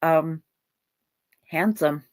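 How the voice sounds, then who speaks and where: Slow, halting low-voiced woman. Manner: slow, halting, searching for words. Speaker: psychic medium host. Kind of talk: live psychic reading chat.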